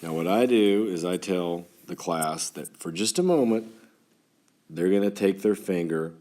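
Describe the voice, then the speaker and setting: A man with a very low voice and a clear West Texas twang teaches like a schoolteacher talking to his students. His delivery is informal and folksy, explaining things step by step. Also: lively intonation, unhurried, mellow. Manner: folksy, talks as if to a class of children. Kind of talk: instructional math lesson for students, informal.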